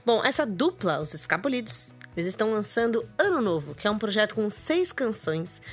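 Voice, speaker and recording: A woman's voice: mid-range voice, very animated, brisk, breathy edge. A woman co-hosting a radio music show, introducing a band in light, playful banter. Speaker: radio host. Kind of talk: casual radio chat introducing songs.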